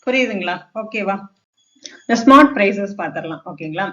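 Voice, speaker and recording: A teacher explains a language lesson, slowing right down and pronouncing each English phrase carefully. The voice sits at an ordinary middle pitch and checks in with listeners again and again. The recording sounds a little dull and lo-fi. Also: expressive, bright, forceful tone. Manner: reads English phrases slowly and carefully, often checks "okay?".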